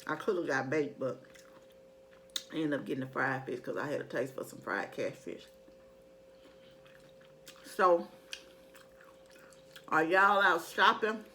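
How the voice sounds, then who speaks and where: A woman's voice: low-pitched, animated, measured pace, long pauses, sharp tone, slight background noise. A middle-aged woman in casual, rambling chat to her viewers, conversational and emphatic when she makes a point. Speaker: mukbang vlogger.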